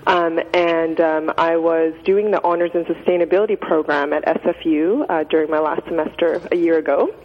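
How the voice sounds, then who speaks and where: A woman's voice: sits low, fairly even intonation, moderate pace, hardly any pauses. A young woman from Canada talking casually as a radio guest, chatty and full of fillers. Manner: chatty, many fillers and likes. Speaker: guest, nonprofit founder. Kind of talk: casual interview answers. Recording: dull radio sound with long reverb.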